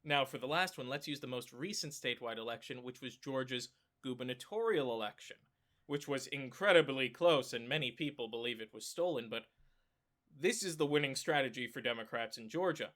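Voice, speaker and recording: A man's voice: medium pitch, brisk. Stuffy-nosed man analyzing election maps. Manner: thinks aloud with frequent fillers and self-corrections; excited exclamations. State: clogged nose. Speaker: political commentary YouTuber. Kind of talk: casual screen-share analysis.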